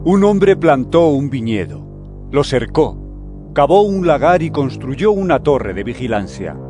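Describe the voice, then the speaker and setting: An actor playing Jesus as an earnest, firm teacher with solemn, declamatory delivery in a scripture audio drama. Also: male voice, mid-range voice, sing-song, measured pace, warm tone. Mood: solemn storytelling. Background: music.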